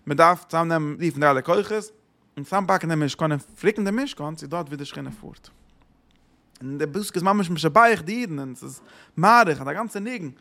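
Man teaching a religious lesson, higher voice. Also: quick pace, creaky, a bit bright. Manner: rhetorical questions and repeated phrases. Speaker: Torah teacher.

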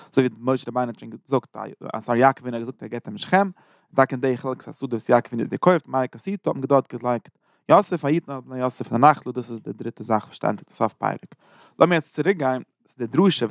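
Brief: male teacher, rapid run-on explaining, dry close sound. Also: mid-range voice, no room sound. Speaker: Torah teacher. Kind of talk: chapter lesson in Yiddish-flavored German.

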